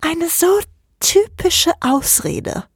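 A woman voicing a sinister shadowy male entity, sneering and hissing in slow, cold whispers. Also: very high voice, big pitch swings, no echo, studio quality, voice pushed up, heavily acted. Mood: mocking.

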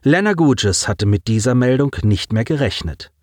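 A man's voice: mid-range voice, lively intonation, moderate pace, a little mellow, no room sound, studio quality. A man reading a science-fiction audiobook with dramatic narration.

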